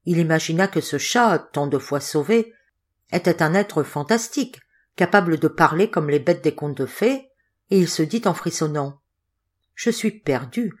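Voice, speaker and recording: A woman reading a storybook audiobook aloud in an expressive, measured way. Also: sits low. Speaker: audiobook reader. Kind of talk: storybook narration.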